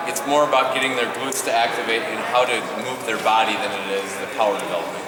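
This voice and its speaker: A man's voice: mid-range voice, fairly even intonation, fast. A man in his thirties talking like a gym coach, giving live drill instruction with short cues, praise and frequent checks for understanding. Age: 30s. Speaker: athletic coach leading a training clinic. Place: large echoing indoor space. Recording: echoey hall, distant mic, loud background noise.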